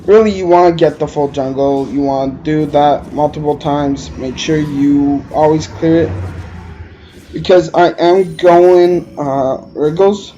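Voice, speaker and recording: This Albertan gamer, whose accent leans toward Quebec French, commentates on his gameplay in a hesitant, rambling way full of "uh"s. His fairly high, mellow voice stays fairly even and moves a little slowly. The sound is lo-fi with a bit of hiss or hum.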